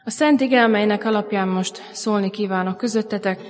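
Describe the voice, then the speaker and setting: A woman pastor giving a solemn, measured sermon and reading aloud to a school congregation. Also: medium pitch, soft background music. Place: church. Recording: long church reverb.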